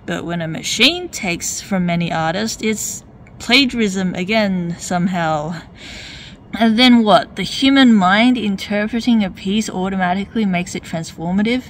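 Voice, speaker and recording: A woman's voice: medium pitch, normal speed, hardly any pauses, a little hiss or hum. Wry woman arguing her point. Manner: wry, debating tone with pointed rhetorical questions. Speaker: video essayist. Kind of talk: argumentative commentary.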